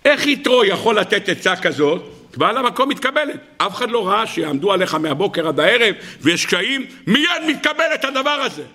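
A man giving a lively Torah sermon in style, an animated storyteller who asks rhetorical questions and acts out the characters. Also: high voice. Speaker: rabbi giving a Torah lesson.

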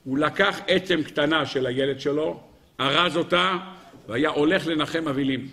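Male rabbi preacher, high bright voice, dramatic storyteller, surges loud then drops to a hush. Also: gravelly. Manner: dramatic, swings between loud exclamations and hushed low passages; addresses audience as "gentlemen", acts out rabbis' dialogue. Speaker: rabbi lecturer. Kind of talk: Talmudic sermon storytelling.

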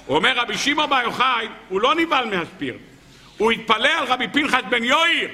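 גבר בעל קול גבוה ובהיר בדרשה. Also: male voice, extremely high pitch, very animated, bright, forceful tone, in a large hall. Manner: asks the audience questions and answers them himself, with humor. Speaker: rabbi giving a Torah talk. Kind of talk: sermon with storytelling.

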